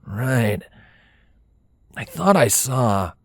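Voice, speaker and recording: A man's voice: mid-range voice, expressive, extremely slow, gravelly, no room sound, exaggerated voice. A man reading a storybook, voicing a protective young stallion who talks in a growling, defiant way. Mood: groggy.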